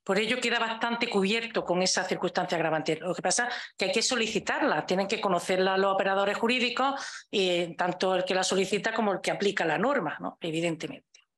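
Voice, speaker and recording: A woman's voice: medium pitch, a little fast, a bit bright. A woman with a Spanish accent giving a conference talk on law, explaining points with frequent rhetorical questions. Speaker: legal expert speaker. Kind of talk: conference talk over video.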